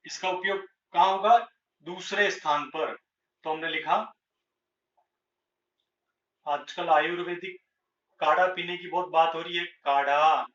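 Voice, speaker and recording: A man teaching a grammar lesson at a board, speaking slowly and deliberately and repeating each example word. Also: sits high, fairly even intonation, a bit bright. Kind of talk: blackboard Hindi grammar lesson. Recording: echoey room, distant lo-fi mic.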